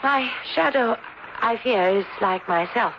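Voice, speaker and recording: An actress playing a delicate, pale, melancholy young woman with a soft, refined manner in a 1970s radio drama, on a hissy lo-fi vintage recording. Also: fairly high pitch, unhurried. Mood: wistful.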